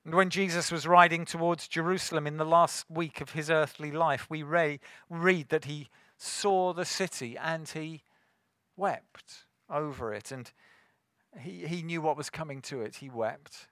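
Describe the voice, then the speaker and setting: A man preaching a sermon, earnest and rising to forceful emphasis. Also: a little high, measured pace, no room sound, clean studio sound.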